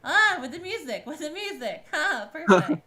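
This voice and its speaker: A woman running a tabletop game as game master, excitable and animated. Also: high voice, moderate pace.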